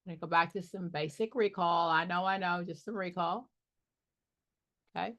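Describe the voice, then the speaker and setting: A woman's voice: fairly low pitch, moderate pace, fairly bright tone. A middle-aged woman coaching an exam prep group, candid and joking with sassy asides. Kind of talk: live online study group.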